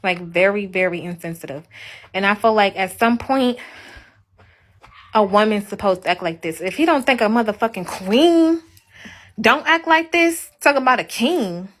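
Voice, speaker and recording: A woman's voice: medium pitch, normal speed. A young woman venting on a casual livestream, ranting bluntly and emphatically with a lot of profanity.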